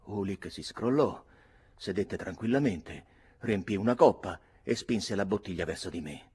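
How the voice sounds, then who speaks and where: Low, husky theatrical male narrator. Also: a little slow. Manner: theatrical, expressive. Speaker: audiobook narrator. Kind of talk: dramatic audiobook reading.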